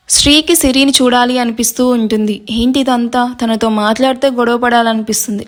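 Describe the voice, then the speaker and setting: Woman narrating a love story. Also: fairly high pitch.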